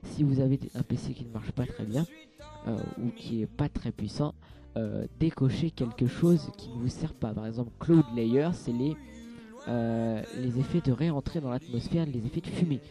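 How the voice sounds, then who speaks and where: A man's voice: medium pitch, moderate pace, music in the background. A young man giving a casual, hesitant game tutorial, full of fillers and restarts. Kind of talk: casual screen-capture tutorial.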